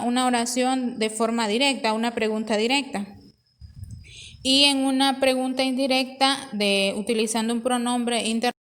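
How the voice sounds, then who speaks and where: A woman's voice: fairly high pitch, a bit bright. A woman teacher explaining a grammar lesson patiently, reading from the textbook and restarting phrases as she goes.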